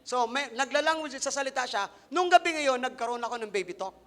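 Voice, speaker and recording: Man, preacher, very high voice, bright tone, sermon testimony, talks straight to the congregation. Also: a little fast. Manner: addresses congregation directly, mixing in English phrases; swings between quiet asides and loud emphatic lines.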